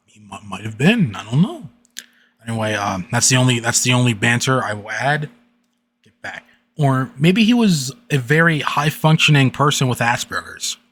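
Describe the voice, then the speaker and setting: A man streaming late at night, chatting haltingly with many fillers and then reading a creepy internet story aloud. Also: medium pitch, a bit bright. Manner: halting, filler-heavy chat between readings.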